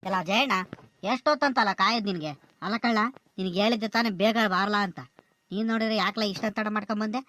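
A woman's voice: mid-range voice, fairly bright tone, close to an everyday voice. A woman voicing an impatient male farm foreman in a comedy cartoon, scolding in a rural southern Karnataka Kannada accent. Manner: brisk, scolding and bossy. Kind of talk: village comedy cartoon dialogue.

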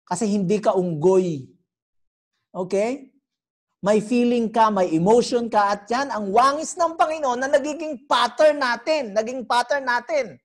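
A woman preaching a sermon. She is animated and teasing, and keeps quizzing the congregation. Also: a little high, measured pace. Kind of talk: sermon teaching.

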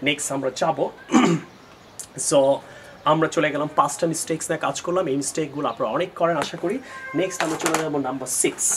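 A man, a Bengali speaker, teaches spoken English in a fairly high voice. He asks his students' questions aloud and answers them himself, then speaks the example sentences slowly and carefully. A faint hiss runs under the recording. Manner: switches between explanation and slow, carefully spaced example sentences.

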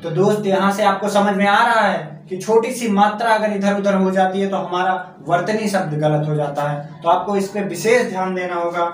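High-voiced teacher in an echoey room. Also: male voice. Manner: repetitive, coaxing, keeps asking the class questions and calling them friend. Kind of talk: exam-prep spelling lesson. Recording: echoey room from far off, faint noise.

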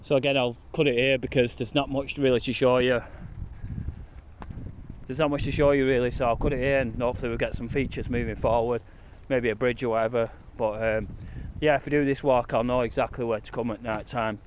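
A paranormal explorer vlogger walks a countryside footpath, filming on a phone held at arm's length and rambling casually as he goes. His medium-pitched voice is fairly quick with fairly even intonation, and a little hiss or hum is audible. He's matter-of-fact and swears casually.

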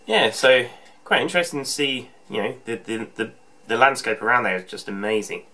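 A homebrew vlogger in his thirties talks a little fast in a medium-pitched voice, with some background noise. Chatting casually to a camera on his desk in close framing, he rambles in a small room with shelves, full of ums and restarts.

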